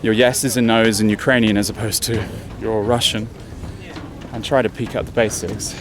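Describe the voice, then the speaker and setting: Fairly low and evenly inflected, the English vlogger's voice moves at a normal speed as he heads uphill on a city walk. He talks chattily, half thinking aloud, slightly puffed, while faint street noise hums outside.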